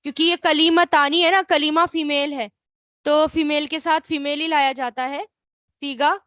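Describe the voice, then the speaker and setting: A woman's voice: sits high, fairly even intonation, a bit bright, dry recording, studio quality. A woman with a Pakistani Urdu accent teaching an Arabic grammar class, drawing out and repeating words and answering her own questions. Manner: explains slowly, drawing out words and repeating them; asks the class questions and answers them herself. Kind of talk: online class lesson.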